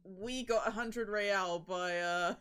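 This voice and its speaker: A woman's voice: mid-range voice, slow pace, a bit bright, clean tone. Playful woman hosting a game stream. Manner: playful, laughs often. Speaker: streamer host. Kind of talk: casual gameplay commentary.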